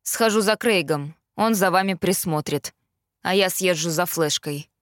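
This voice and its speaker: A woman's voice: on the low side, unhurried, dry recording, clean studio sound, natural voice. A woman doing a stern, weary police father. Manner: firm and weary.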